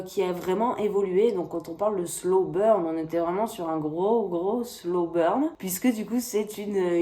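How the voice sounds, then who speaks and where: A woman's voice: mid-range voice, warm tone. A woman reviewing a book in a chatty, hesitant way, talking straight to the viewer. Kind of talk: casual book review chat.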